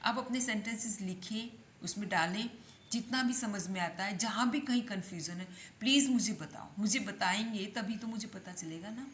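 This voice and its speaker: A woman with an Indian accent teaches everyday English phrases, explaining each one in Hindi. She says the model sentences slowly and repeats them. Her voice has a mid pitch and sounds roomy, with faint noise behind it. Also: fairly bright tone. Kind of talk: spoken English lesson.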